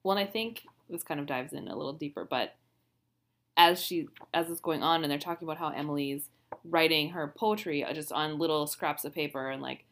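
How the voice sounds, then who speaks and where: A woman with a fairly low voice co-hosts a book podcast in easy, casual chat. She laughs often and lets her sentences trail off before picking them back up. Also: a little fast, fairly bright tone. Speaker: podcast co-host; writer.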